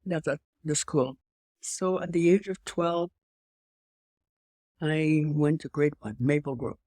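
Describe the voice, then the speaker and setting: With a deep, darkish voice, she speaks slowly, and there's no room sound. This European woman in her eighties, slightly French-accented, is an interview guest recounting her life in conversation, rambling and restarting, with emphatic asides.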